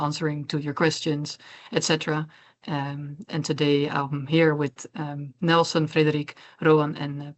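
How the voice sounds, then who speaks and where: A young woman, the course moderator, opening a video-call webinar in a friendly, informal way with fillers. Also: deep voice. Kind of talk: hosting a webinar.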